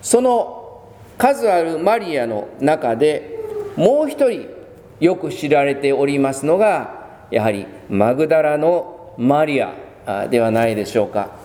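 A man serving as pastor, giving a measured sermon with many pauses and fillers in a church. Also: fairly high pitch, big pitch swings, mellow. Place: church sanctuary. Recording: long church reverb.

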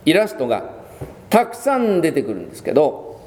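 Male pastor preaching slowly, with a warm, animated delivery, in a reverberant church. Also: fairly high pitch. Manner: measured, with many pauses and fillers. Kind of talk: sermon. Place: church sanctuary.

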